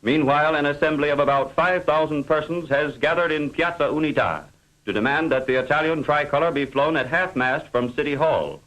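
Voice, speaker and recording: A male narrator with a slightly high, somewhat bright voice reads a 1950s newsreel script in formal, measured phrasing. The audio is poor, sounding like an old newsreel film soundtrack.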